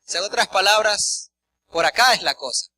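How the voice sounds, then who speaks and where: At a church service, a pastor preaches with a high-sitting, bright, forceful voice, animated and brisk. He tells personal stories, acts out quoted dialogue, and addresses the congregation directly, with no echo in the audio.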